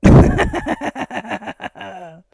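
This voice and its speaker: A man's voice: very high voice, huge pitch swings, very slow, warm tone, exaggerated voice. A man voicing a scruffy cartoon bat who hosts a late-night comedy show, delivering jokes in a punchy way and switching voices between the characters in them. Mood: cheeky. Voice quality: gravelly, husky. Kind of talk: cartoon stand-up joke telling.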